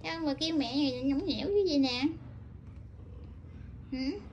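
A woman's voice: high-pitched, expressive, unhurried, darkish tone, dull audio. A woman who runs a pet shop, coaxing and questioning her cat in a mother-like way. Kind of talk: casual talk to a pet. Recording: noisy room with meowing cat.

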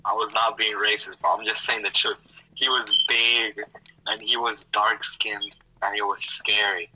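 A young man chatting casually in slang while gaming, an excitable, easily scared horror game streamer. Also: fairly low pitch, unhurried. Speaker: gaming partner. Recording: dull, noisy lo-fi voice chat.

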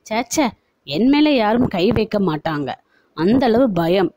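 A woman reading a story aloud and voicing a naive, excitable young wife who blurts out whatever she thinks, in a high, pleading, girlish way. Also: a little slow, lo-fi sound, slight background noise, natural voice. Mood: childlike.

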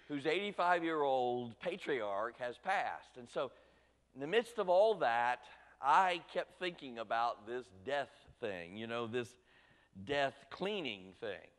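A man's voice: mid-range voice, lively intonation, a little slow. A middle-aged man preaching a sermon, folksy and teasing his congregation directly. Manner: folksy, talks straight to the congregation with light teasing. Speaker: pastor. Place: church sanctuary. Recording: church sanctuary with long reverb.

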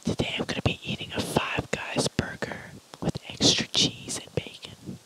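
A host whispering through an ASMR eating parody, deadpan, with crude jokes and swearing. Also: normal speed, low-quality recording. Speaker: channel host.

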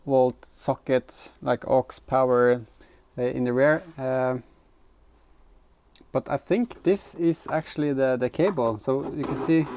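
Thinking aloud as he works in a garage workshop and inside the back of a car, a man in his thirties gives casual, hesitant DIY commentary. His voice is on the high side with a darkish tone.

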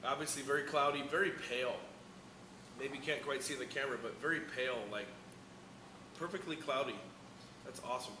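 Man in his thirties, enthusiastic beer-show host; mid-pitched, roomy echo, bar hum. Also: brisk, long pauses. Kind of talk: casual chat. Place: bar with bottle shelves, indoors.

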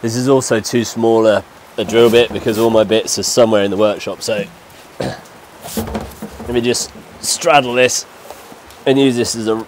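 Light rain patters behind a DIY vlogger recorded on a lapel mic as he works under an outdoor shelter. He's in his thirties, congested from a cold, and casually explains the job step by step. His voice is lowish, with fairly even intonation and a measured pace.

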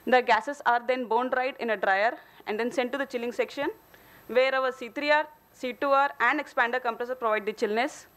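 Her voice is on the high side and fairly bright, and she speaks fairly quickly. This Indian-accented woman is an engineer formally presenting a company case study at a podium in a hotel conference hall.

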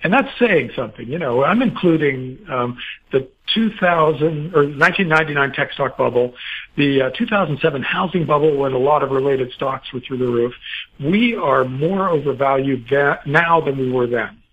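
Husky man giving rambling interview answers. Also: medium pitch, normal speed, narrow, tinny audio. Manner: rambling, many fillers and restarts. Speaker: guest financial commentator.

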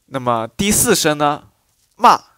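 A man's voice: fairly high pitch, sing-song, a little slow, pushed and bright, clean tone, no room sound. A man giving a lesson on the tones of a dialect, explaining step by step and drawing out single syllables to show each tone. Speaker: dialect teacher.

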